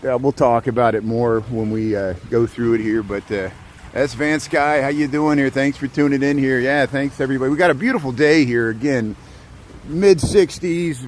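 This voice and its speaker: A man's voice: medium pitch, slight background noise. Middle-aged man, easygoing streamer who rambles on the move outdoors; faint street ambience. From Southeast Indiana. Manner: rambling, lots of fillers and restarts. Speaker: live streamer. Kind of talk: casual walking livestream. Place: outdoors on a small-town main street.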